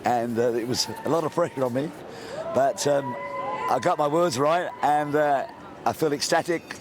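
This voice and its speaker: An excited man with a voice going hoarse, speaking emphatically and stumbling over words in a live interview. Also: medium pitch, normal speed, noisy background. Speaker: town crier, interviewee. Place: outdoors on a busy city street among a crowd.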